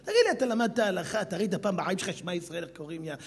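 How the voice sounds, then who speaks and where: A rabbi gives a fiery sermon to an audience in a hall, his breathy voice swinging from low mutters to shouts as he blends Talmudic Aramaic with street slang. The recording carries a long hall reverb.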